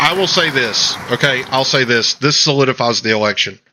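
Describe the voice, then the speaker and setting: A male podcast host delivering casual political commentary in a bright, forceful voice. He rants emphatically, piling up clauses and restarting mid-thought. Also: medium pitch, brisk, a faint crowd, a little hiss or hum. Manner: emphatic, ranting, trailing restarts.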